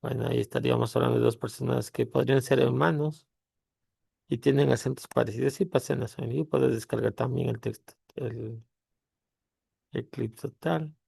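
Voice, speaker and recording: Un hombre que presenta un tutorial de software grabado en pantalla. Explica con pausas y remata sus frases con "¿no?". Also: male voice, mid-range voice, fairly even intonation, gravelly, slightly rough, no room sound, clean studio sound. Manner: halting explanation, pausing with tag questions. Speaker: tutorial host. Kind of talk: screen-recorded software tutorial.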